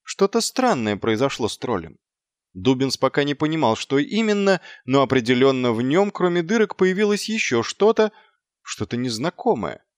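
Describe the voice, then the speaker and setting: A man narrating an audiobook with expressive storytelling. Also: mid-range voice, normal speed, no room sound, studio quality.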